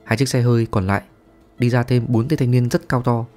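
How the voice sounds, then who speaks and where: A man reads a ghost story aloud as a storyteller. His delivery is even and steady, and his voice sits at an ordinary middle pitch. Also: fairly quick, faint music behind. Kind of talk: scripted narration of a ghost story.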